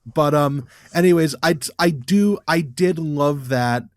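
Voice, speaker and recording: A man's voice: fairly high pitch, slow, dry recording, studio quality. Stammering, enthusiastic podcast co-host man. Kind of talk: casual chat.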